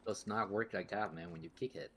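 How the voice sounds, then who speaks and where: A man's voice: low-pitched, fairly quick, a bit bright, slight background noise. A man chatting casually with friends during a game, explaining things and pushing back. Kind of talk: casual gaming chat.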